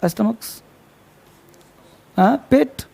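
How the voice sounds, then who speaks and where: A man's voice: high-pitched, drawn-out words, vocal fry, mellow. A male English teacher with a Hindi-speaking North Indian accent, giving a classroom grammar lesson, spelling words out letter by letter and asking students questions he answers himself.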